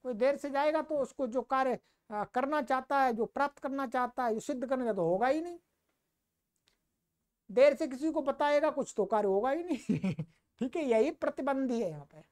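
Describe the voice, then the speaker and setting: High-voiced woman teaching Sanskrit grammar. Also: expressive, darkish tone. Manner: explains sutras in Hindi with Sanskrit recitation, chuckles at examples; slows down for Sanskrit terms, repeats "ठीक है". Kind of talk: classroom lecture.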